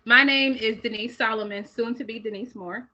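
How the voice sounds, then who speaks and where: A woman's voice: a little high, fairly even intonation, normal speed, bright, forceful tone. A woman from Buffalo, a mental health counselor, speaking as a confident, playful guest over a video call. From Buffalo, New York. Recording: dull lo-fi call audio.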